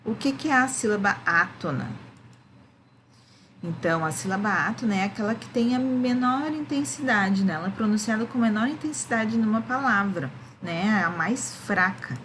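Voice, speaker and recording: A woman's voice: medium pitch, animated, moderate pace, fairly bright tone, slight background noise, poor audio. A woman, a primary school teacher, gives a remote lesson to children, explaining patiently and often checking that they follow.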